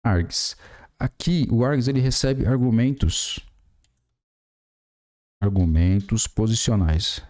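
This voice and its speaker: Slow and pausing often, a Brazilian man in his forties talks through a screen-recorded coding tutorial in a lowish, slightly mellow voice with a Brazilian Portuguese accent. He types as he explains each step, using plenty of fillers.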